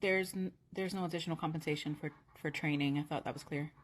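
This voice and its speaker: A woman's voice: sits low, fairly even intonation, fast talker, slight background noise, natural voice. A woman playing a hesitant office manager who asks favors in a workplace comedy skit, speaking politely and tentatively. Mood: hesitant, uneasy.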